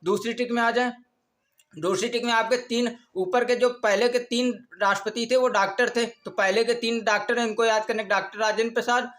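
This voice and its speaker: A man's voice: very high voice, steady tone, fairly quick, a bit bright. A male exam coaching teacher, giving a lesson and repeating each phrase over and over. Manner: repetitive, drills phrases over and over. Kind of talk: classroom lesson.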